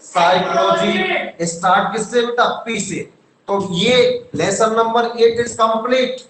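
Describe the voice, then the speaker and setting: A male teacher talks very slowly in a strikingly high voice. He spells each word out letter by letter, patiently, like he's dictating to a class. The sound echoes as if he's in a bare room. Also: a bit bright. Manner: slow, spells words letter by letter, calls students "beta". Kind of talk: online class lesson.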